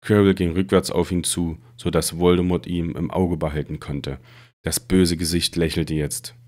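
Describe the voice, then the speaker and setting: A man reading a fantasy novel aloud in a steady, dramatic storytelling manner. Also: deep voice, normal speed. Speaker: reader.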